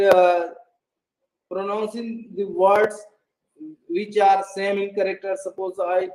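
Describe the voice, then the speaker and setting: A man's voice: high-pitched, a little mellow, low-quality recording. A man giving a lecture on English intonation to learners, hesitant, with many fillers and restarts. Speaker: English pronunciation presenter.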